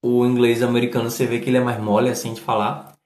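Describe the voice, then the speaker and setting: A man's voice: medium pitch, flat delivery, fast talker, darkish tone. Northeastern Brazilian man in an echoey room. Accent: Northeastern Brazilian Portuguese. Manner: explanatory, demonstrating pronunciations. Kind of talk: casual spoken commentary on a read text.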